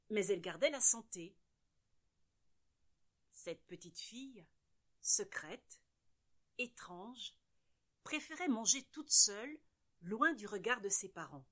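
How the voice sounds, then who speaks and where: A woman storyteller telling tales for children, expressive and playful with sound words. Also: medium pitch.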